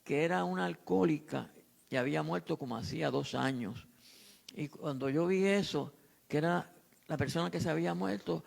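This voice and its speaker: A male pastor preaching, telling a testimony with dramatic repetition and building to shouts. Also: on the high side, normal speed, creaky. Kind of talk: sermon with testimony storytelling.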